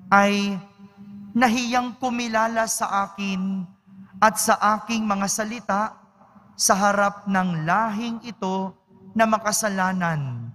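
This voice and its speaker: Slow-speaking priest in an echoey church. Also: male voice, high-pitched, a bit bright. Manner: slow, measured, solemn delivery. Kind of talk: Mass gospel reading and homily. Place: large church.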